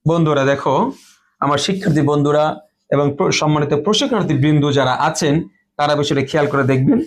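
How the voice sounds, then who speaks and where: A man with a high voice teaches a grammar lesson in front of a board. He works through each rule step by step and goes over every example word more than once. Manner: explains slowly, repeats each rule and example words. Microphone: phone or camera in front of a board.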